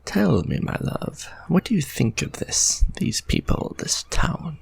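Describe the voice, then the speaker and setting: With a slightly high voice that swings hugely in pitch, a man fully inhabits a refined, possessive vampire lord for an ASMR romance. Unhurried, formal, and musing, he speaks tenderly to the listener in a gravelly, husky, soft-spoken tone.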